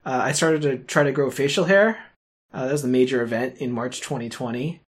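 A man's voice: mid-range voice, brisk. A man co-hosting a podcast in casual chat, hesitant, with many fillers and chuckles. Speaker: podcast co-host.

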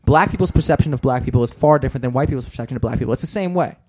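A man's voice: mid-range voice, a little mellow. A young man in casual chat, talking bluntly and with plenty of swearing. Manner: blunt, profane, quick-talking.

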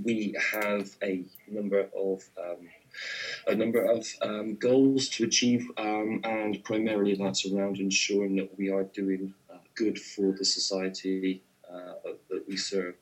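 A hoarse man speaking as a podcast guest, halting with many ums. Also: fairly low pitch, poor audio. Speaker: guest, product manager. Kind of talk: casual podcast interview.

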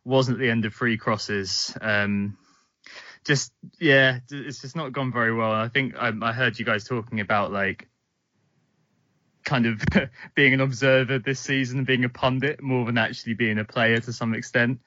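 A man's voice: mid-range voice, steady tone, moderate pace, pushed and bright, dry recording. A man chatting casually and jokingly about football as a podcast guest on an internet call. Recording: muffled internet call audio.

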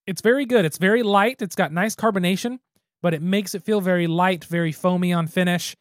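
A man's voice: high voice, fairly quick, no room sound, studio quality. A man co-hosting a podcast, chatting casually and thinking aloud as he reviews a beer. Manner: easygoing, thinks aloud with restarts. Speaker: podcast co-host.

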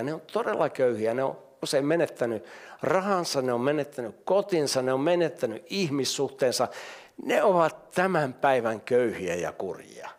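An older man preaches with a lively voice that climbs high on his rhetorical questions and drops low and soft when he reads scripture. His pitch sits in the middle for a man. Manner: animated, rising emphatic rhetorical questions. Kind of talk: sermon.

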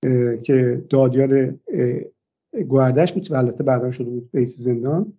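Older man with a dark, dull voice. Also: medium pitch, husky. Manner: long, hesitant retelling with frequent "uh" fillers. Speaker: interview guest. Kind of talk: personal account in a radio interview.

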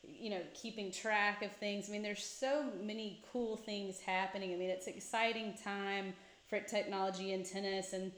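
A woman's voice: medium pitch, fairly even intonation, normal speed, few pauses, a bit bright, echoey room. A woman who teaches tennis interviews a guest over a video call. She talks with enthusiasm and fills her speech with "I mean" and "you know.". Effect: heard over a video call. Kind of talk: casual interview chat.

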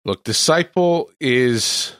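A man's voice: mid-range voice, expressive, slow pace, fairly bright tone, no room sound, clean studio sound. A man from California, a missionary, talking earnestly about faith in an interview. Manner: earnest, preacherly.

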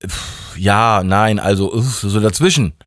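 A man's voice: on the low side, unhurried, fairly bright tone, no room sound, clean studio sound. A man voicing a laid-back, slangy male God who is sloppy and careless, talking casually and getting flustered.

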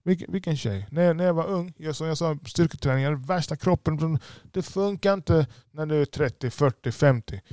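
Man with a lisp, slightly high voice, blunt and swearing, dry close sound. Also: few pauses, a little mellow, no echo. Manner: blunt, profane, emphatic. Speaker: business owner. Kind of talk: podcast monologue.

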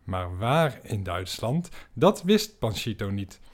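A man hosting a podcast, telling an absurd comic story in a dry, deadpan way. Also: on the low side, slow. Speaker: podcast host.

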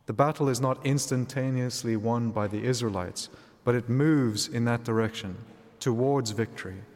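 A man delivers liturgical readings and preaching as a priest. His voice sits at an average pitch, measured and solemn. It rings with long cathedral-like reverb in a large church. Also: a little mellow. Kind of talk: Gospel reading and homily.

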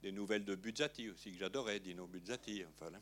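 Rambling low-voiced man. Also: fast talker, fairly bright tone, a little hiss or hum. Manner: rambling, filler-heavy, frequent "hein". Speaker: film director. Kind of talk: interview conversation.

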